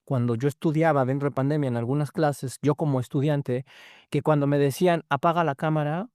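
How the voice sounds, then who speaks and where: Male guest, 50s, lively storyteller who voices his students, warm dark tone, dry close sound. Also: on the high side, a little fast, dry recording. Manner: animated storytelling, acts out quoted students. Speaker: guest lecturer. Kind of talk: conversational interview.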